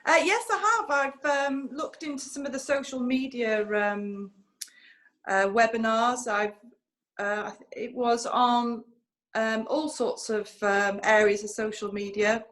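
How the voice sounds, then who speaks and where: A woman's voice: a little high, measured pace, fairly bright tone. A woman, speaking as an interview guest with many hesitations. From North Wales. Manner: hesitant, many ums and restarts. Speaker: guest physiotherapist. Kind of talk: conversational interview.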